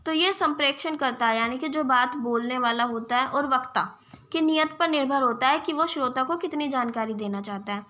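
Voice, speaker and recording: A woman's voice: sits high, fairly quick, bright, forceful tone, highs cut off. A young woman teaching an exam-prep lesson, explaining step by step and checking in with her viewers as friends. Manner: addresses viewers as "friends", gives examples.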